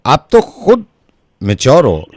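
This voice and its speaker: A radio jockey making a prank phone call from a studio, feigning confusion and repeating himself, then ranting loudly. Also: male voice, medium pitch, wildly swooping pitch, takes it slowly, no room sound.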